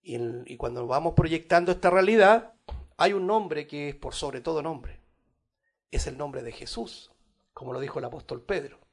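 A man with a high-pitched voice delivers a teaching sermon, calling his listeners brothers. He swells loudly when reading scripture and sinks low and quiet for his side remarks. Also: moderate pace. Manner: teaching Bible study, addressing listeners as brothers; rises in volume on scripture, drops low on asides. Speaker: pastor.

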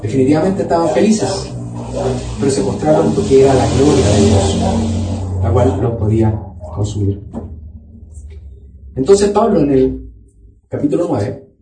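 A man's voice: medium pitch, very animated, a little slow, long pauses. A man preaching a sermon as a pastor, teaching a Bible study and reading scripture aloud. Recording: echoey room, voice from far off.

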